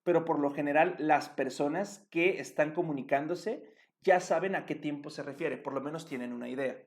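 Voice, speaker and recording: A man's voice: a little high, normal speed. Patient man teaching at a board. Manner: patient, checks understanding with tag questions. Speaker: English teacher. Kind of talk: explaining grammar at a board.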